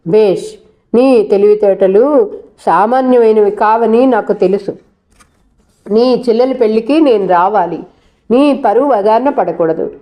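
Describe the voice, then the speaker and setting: A woman's voice: a little high, muffled recording, natural voice. A woman voicing a proud, bitter young married woman who talks back sarcastically and defiantly. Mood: mocking.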